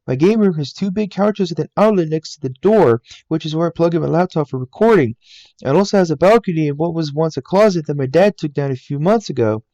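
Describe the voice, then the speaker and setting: An American YouTuber in his twenties reads scripted voice-over narration for his own gaming channel, sounding earnest and matter-of-fact. His voice is warm and mellow though a bit higher than most men's. Recorded close on a laptop mic in a game room of a family home, the sound is dry and somewhat muffled.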